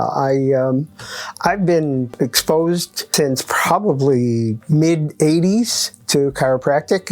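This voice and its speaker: Halting man in his eighties. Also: on the high side. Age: 80s. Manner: halting, many restarts, lists points by number. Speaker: chiropractic patient. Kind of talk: testimonial interview.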